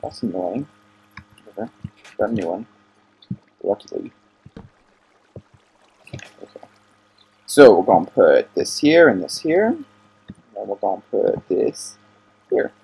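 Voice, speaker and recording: A young man narrates his gameplay in a relaxed, gravelly voice that turns husky at the edges. His pitch moves a lot as he chats to himself and to the game, scolding and coaxing by turns. It sounds like a home recording. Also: measured pace, long pauses, rough recording. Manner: talks to himself and the game, easily annoyed, chatty. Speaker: gaming channel host. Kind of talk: casual gameplay commentary.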